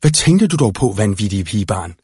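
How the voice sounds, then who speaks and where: A man's voice: fairly low pitch, big pitch swings, darkish tone, husky, dry recording, clean studio sound, heavily acted. A man voicing an eager, earnest young male knight in a read-aloud storybook. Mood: scolding.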